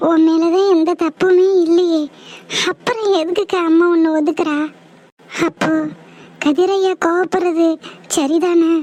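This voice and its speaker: A woman voices a timid cartoon schoolgirl. Her voice is very high and wet with crying, and she pleads softly with her older sister. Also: steady tone, a little slow, pauses often. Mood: questioning.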